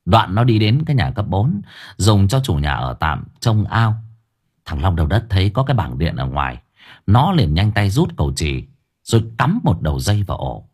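A man with a somewhat low, husky voice narrates a story in a lively, earthy way. His pitch moves around a lot, rising and falling with the telling. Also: moderate pace. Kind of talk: audiobook narration.

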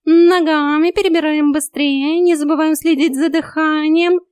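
A woman's voice: sits high, fairly even intonation, moderate pace, darkish tone, dry recording, clean studio sound, pitched above the performer's own voice, natural voice. A woman voicing a cheeky male talking cat who teases like a bossy fitness coach in an audiobook. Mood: mocking. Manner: teasing, bossy drill-instructor banter. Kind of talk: audiobook character voice.

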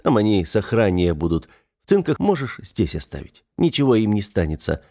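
A man's voice: on the low side, big pitch swings, moderate pace, dark tone. A man voicing a wry, practical young male hero, close to his own reading voice. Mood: commanding. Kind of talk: audiobook character voice.

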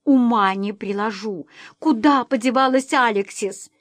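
A woman's voice: on the high side, unhurried, darkish tone, no echo. A woman voicing a young mother who is frightened and close to tears, speaking in a pleading, rising tone. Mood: panicked. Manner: tearful, pleading, rising in alarm. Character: frightened young mother searching for lost daughter. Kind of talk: audiobook character voicing.

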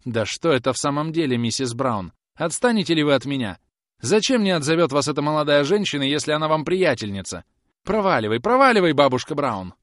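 A man's voice: on the high side, expressive, a little fast, fairly bright tone, no echo, clean studio sound, voice pushed up. Man doing a whining, panicky young lad. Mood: pleading. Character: whining frightened young male errand lad. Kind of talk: audiobook character voice.

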